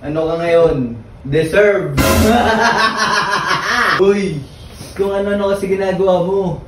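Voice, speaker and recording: Teasing young man, high voice, roomy. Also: a little slow. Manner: teasing, laughing. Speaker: vlogger. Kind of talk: casual banter. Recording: roomy, distant mic, loud music behind.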